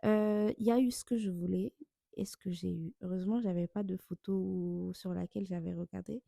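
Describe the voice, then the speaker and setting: A woman's voice: lowish voice, fairly even intonation, fairly quick, gravelly, dark tone, no room sound. A young woman from Burundi narrating a vlog in voice-over, candid and self-mocking with loose slang. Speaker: vlogger.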